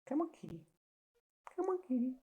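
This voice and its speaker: A woman's voice: high voice, big pitch swings, fairly quick, mellow. A woman in her forties, rambling casually at home and cooing to her cat in sing-song baby talk. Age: 40s. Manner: meandering, chatty, talks to herself. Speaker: vlogger. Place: home, on a swivel chair by a sofa.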